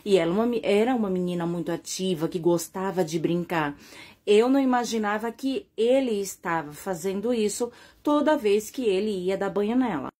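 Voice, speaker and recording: A woman with a Brazilian accent tells her own story as a confessional testimony. She talks to her viewers directly and earnestly, often tagging her sentences with little checks for agreement, at an ordinary mid pitch. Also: expressive, moderate pace, mellow. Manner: earnest, addresses viewers directly, frequent tag questions. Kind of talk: confessional first-person testimony.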